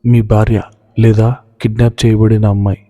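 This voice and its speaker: A man's voice: lowish voice, level tone, moderate pace, mellow, natural voice. A man playing a harsh middle-aged police inspector who speaks curtly and officially. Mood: stern. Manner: curt, official. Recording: long hall reverb.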